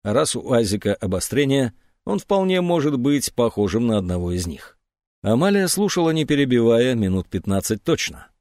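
A man narrating an audiobook in an expressive reading. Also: mid-range voice, moderate pace, dry recording, clean studio sound. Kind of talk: scripted narration.

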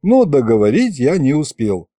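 A man reading an audiobook aloud with lively, ironic storytelling. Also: medium pitch, normal speed, no echo. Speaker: audiobook reader. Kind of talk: audiobook narration.

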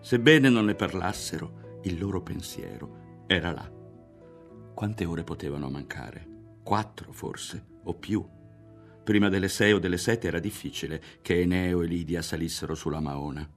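Deep-voiced man reading a novel. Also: faint music behind. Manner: measured, expressive reading. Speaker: audiobook reader. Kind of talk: literary narration.

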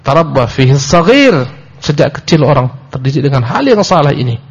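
A man's voice: sing-song, normal speed, slightly rough. A male preacher giving a sermon-style book lecture, reciting Arabic and explaining it in Indonesian, emphatic and repetitive, rising sharply for emphasis. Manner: emphatic, rises sharply in pitch for emphasis, repeats phrases. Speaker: Islamic preacher. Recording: dull lo-fi lecture recording.

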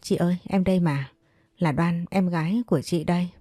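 A woman's voice: lowish voice, normal speed, mellow, no room sound, clean studio sound, close to an everyday voice. A woman voicing a scheming second wife who speaks in a sugary, coaxing way. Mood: sweetly scheming.

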